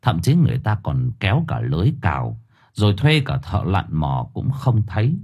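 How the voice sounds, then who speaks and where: A man narrating an audiobook story in a dramatic, expressive way. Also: low voice, moderate pace, slightly rough, dull audio. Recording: faint music underneath.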